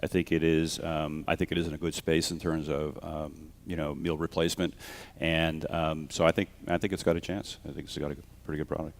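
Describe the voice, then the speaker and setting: A deep-voiced man speaks quickly as a competition judge. His critique is plainspoken and off the cuff, with repeated phrases. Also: flat delivery, creaky.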